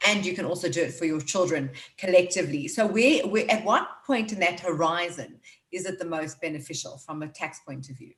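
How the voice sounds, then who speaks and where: A woman's voice: lowish voice, a little fast, echoey room. A woman moderating a webinar panel, putting questions to the panelists. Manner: prompting, questioning.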